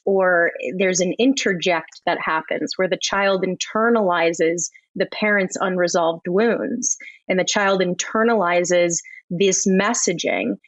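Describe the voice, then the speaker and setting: A woman's voice: lowish voice, dry recording. A woman co-hosting a podcast, talking in an articulate, reflective and analytical way with psychology vocabulary. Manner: articulate, measured, uses psychology jargon. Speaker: podcast co-host. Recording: slightly dull, dry close recording.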